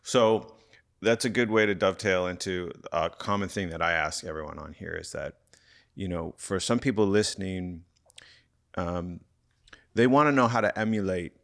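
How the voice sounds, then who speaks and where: A man's voice: sits low, moderate pace, gravelly. A man hosting a podcast interview, asking long, searching questions. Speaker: podcast host.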